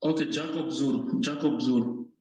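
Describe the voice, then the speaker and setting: A man's voice: mid-range voice, steady tone, moderate pace, darkish tone, heavy reverb, rough recording. A man from Zambia calling in to a debate show, hesitant with stumbling restarts but turning heated and accusing. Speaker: caller. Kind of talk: argumentative phone-in debate.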